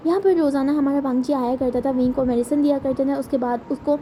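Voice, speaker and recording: Woman, casual storyteller, chatty, self-correcting, high-pitched, mellow tone. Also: steady tone, fast talker, slight background noise. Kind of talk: casual fan-fiction retelling.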